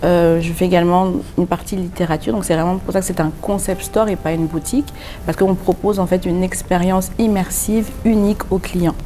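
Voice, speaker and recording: A French woman with a French accent, a designer and boutique founder, answers interview questions earnestly at a pop-up boutique. Her lowish, mellow voice is fairly quick with fairly even intonation, and she explains at length with many hesitations; there's a little hiss or hum.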